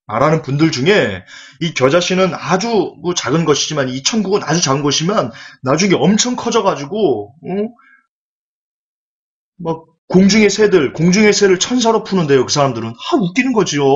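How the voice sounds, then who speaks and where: A pastor preaches a sermon in an animated, rhetorical style, slipping into quoted voices. His fairly high voice swings widely in pitch, and the recording sounds dull and lo-fi.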